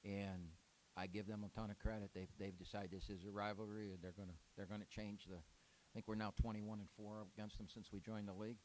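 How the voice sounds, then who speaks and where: A man's voice: fairly low pitch, level tone, fairly quick, few pauses, a little mellow, a little hiss or hum, rough recording. A man speaking as a head basketball coach at a post-game press conference, rambling and candid with frequent restarts.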